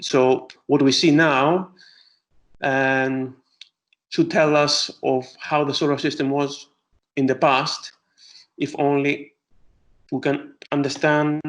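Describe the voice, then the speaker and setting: A middle-aged man from Greece, an astronomer answering interview questions with many pauses and restarts. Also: mid-range voice, little pitch movement, poor audio. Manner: hesitant, many fillers and restarts.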